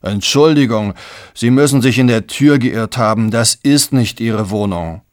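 A man voicing a short, stocky man who answers with calm, dismissive politeness in an audiobook. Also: mid-range voice, measured pace, dry recording, studio quality, lightly acted. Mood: unbothered. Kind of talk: audiobook character voice.

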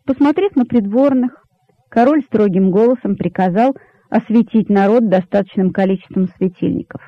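A man's voice: high voice, no echo. Man reading a storybook aloud. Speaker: audiobook narrator. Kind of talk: storybook narration. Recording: dull lo-fi dry recording.

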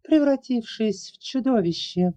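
A woman voicing a fierce young dragoness who defends orphans, accusing and high-strung. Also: expressive, a little slow, dark tone, muffled recording. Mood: furious. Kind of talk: audiobook character voice.

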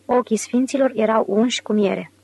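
A woman narrating an audiobook in a measured, clear reading voice. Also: fairly high pitch, dark tone. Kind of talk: scripted narration.

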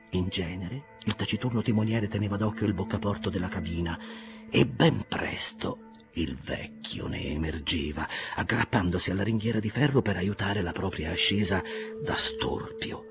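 Deep, gravelly male audiobook narrator. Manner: measured, expressive reading. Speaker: audiobook reader.

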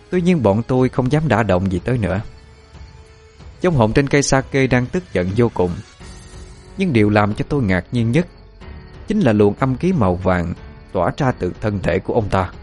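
A man narrates a horror tale in a low voice with a southern Vietnamese accent. The reading is scripted and dramatic, set over quiet music. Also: very animated, moderate pace, long pauses. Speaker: storyteller. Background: faint music.

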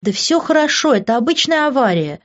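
A woman voicing a fiery young woman who shouts in anger with her voice breaking. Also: high-pitched, very animated, a little fast, muffled recording, pitched above the performer's own voice. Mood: furious.

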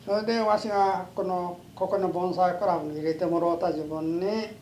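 A man's voice: high voice, fairly even intonation, normal speed, a little mellow. An older man with a western Japanese dialect, talking in a folksy, opinionated and emphatic way as he reminisces in an interview. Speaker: oral history interviewee, stone collector. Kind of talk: conversational reminiscence. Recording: noisy amateur interview tape.

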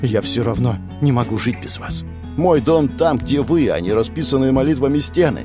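A man's voice: mid-range voice, animated, normal speed, voice pushed up, close to an everyday voice. A man voicing a frightened, defiant young male tree demon with a trembling voice close to tears, over guitar music. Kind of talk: audiobook character voice.

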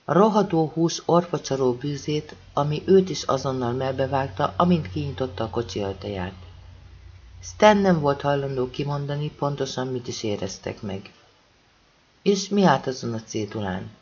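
A man narrating an audiobook in measured scripted narration, dropping low on grave words, in a dull lo-fi recording. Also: darkish tone, breathy edge.

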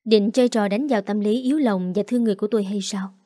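A woman's voice: mid-range voice, rapid-fire, dark tone, no echo, clean studio sound. Dramatic woman storyteller. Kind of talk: first-person storytelling narration.

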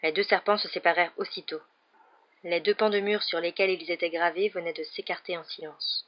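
Audiobook reader narrating steady, muffled lo-fi sound. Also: medium pitch, a little fast. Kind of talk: scripted narration. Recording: dull lo-fi audio.

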